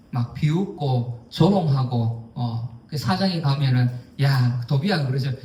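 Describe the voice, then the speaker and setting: Emphatic pastor, preaching in an echoey hall. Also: male voice, mid-range voice, dark tone, distant mic, a little hiss or hum. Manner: emphatic, acts out quoted speech, many fillers. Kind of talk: sermon. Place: church sanctuary. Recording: echoey hall, voice heard from afar.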